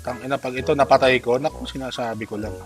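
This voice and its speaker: A man, trash-talking loudly and swearing while streaming a mobile game. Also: mid-range voice, fairly even intonation, quick pace, over music. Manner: loud, taunting, swearing, laughing. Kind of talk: trash-talking live gameplay banter.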